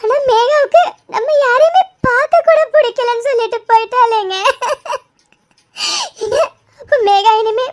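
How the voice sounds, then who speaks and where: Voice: very high-pitched, a little slow, pauses often. A voice actor playing a grieving middle-aged mother in a cartoon, sobbing and pleading for her lost daughter.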